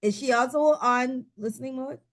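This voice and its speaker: A woman's voice: sits high, moderate pace. A woman leading a club meeting on a video call, upbeat and playful as she hands out questions. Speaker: Table Topics master at a club meeting.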